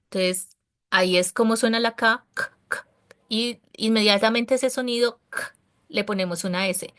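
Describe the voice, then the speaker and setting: A woman's voice: fairly high pitch, fairly even intonation, moderate pace, fairly bright tone. A Spanish-speaking woman teaching an English class over a video call, patient and encouraging, explaining pronunciation step by step.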